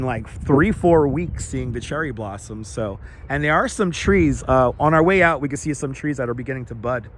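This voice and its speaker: A livestream host walks through a city park chatting casually, his voice raspy, slightly squeaky, and hoarse from overuse. He rambles, says things over again, and greets viewers one by one, while his wireless clip-on lavalier picks up clear outdoor sounds and traffic.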